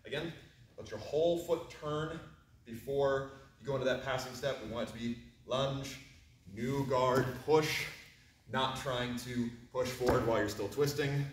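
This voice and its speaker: A man giving an instructional fencing demonstration, explaining movements and breaking them into short, crisp commands. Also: mid-range voice, normal speed. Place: large echoey indoor training hall. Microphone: distant camera microphone. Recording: very echoey room, distant mic, faint noise.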